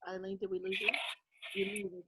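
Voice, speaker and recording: A woman's voice: mid-range voice, flat delivery, normal speed, noisy background. A woman co-chair opening a webinar on a video call, her voice muffled and distant as if underwater. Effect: muffled, distant underwater-sounding audio. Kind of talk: casual presentation on a video call. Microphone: laptop mic on a video call.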